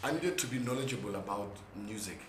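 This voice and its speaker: Young male, South African accent. Hoarse, lowish voice, emphatic casual talk, roomy sound with faint noise. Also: expressive, fast. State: hoarse from gigs the day before. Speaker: interview guest, content creator and musician. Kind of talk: casual interview chat. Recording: echoey room with faint background noise.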